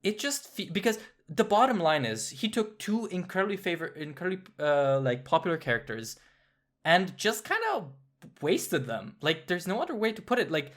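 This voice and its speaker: A man hosting a podcast in casual chat, measured and thoughtful, often agreeing. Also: sits high, very animated, a bit bright. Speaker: podcast host.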